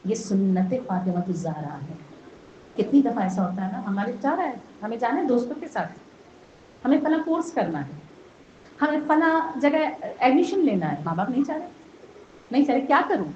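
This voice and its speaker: A woman's voice: on the high side, big pitch swings, dark tone. A woman with a Pakistani Urdu accent giving a devotional sermon at a gathering, telling a story and putting rhetorical questions to her listeners, rising to emphatic peaks. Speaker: zakira, religious speaker. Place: imambargah gathering hall. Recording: echoey lo-fi hall recording with faint hiss.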